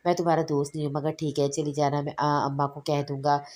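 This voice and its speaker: A woman reading a novel aloud, voicing a curt, irritated young man with a gruff, dismissive manner. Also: low-pitched, flat delivery, fast talker, a little mellow, lightly acted.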